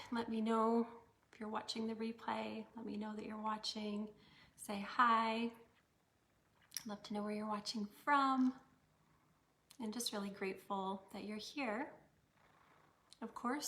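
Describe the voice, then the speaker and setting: Woman, live-stream host, at home, chatty, relaxed, slightly out of breath, soft laughs. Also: mid-range voice. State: a little out of breath. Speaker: host of a weekly live series. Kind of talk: casual live-stream talk.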